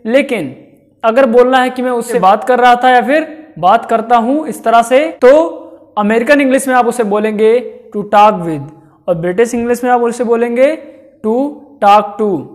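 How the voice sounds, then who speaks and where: A man giving a spoken-English lesson who repeats himself and slowly draws out each example phrase. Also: extremely high pitch. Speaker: English teacher.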